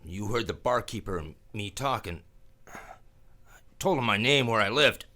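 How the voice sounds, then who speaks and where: A man's voice: lowish voice, expressive, moderate pace, pushed and bright. A man playing a wry, tough private detective in a 1940s-style hardboiled radio drama. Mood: dry, defiant. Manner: sardonic, tough, wisecracking. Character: wry, hard-boiled male private detective.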